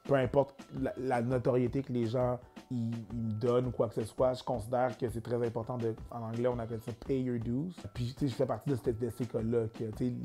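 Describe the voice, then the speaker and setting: A young man with a Québécois French accent, talking casually as a comedian being interviewed and slipping in English phrases. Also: mid-range voice. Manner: relaxed, slips in English phrases. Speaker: comedian guest.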